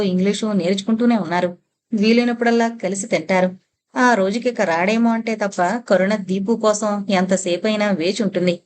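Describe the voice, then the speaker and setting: Woman narrating an audio novel steadily. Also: medium pitch.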